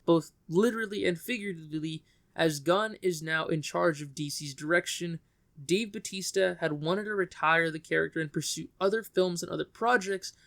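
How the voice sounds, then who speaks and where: A man's voice: fairly high pitch, a bit bright. A man reviewing a film in a casual vlog, talking frankly and opinionatedly in loose, trailing phrases.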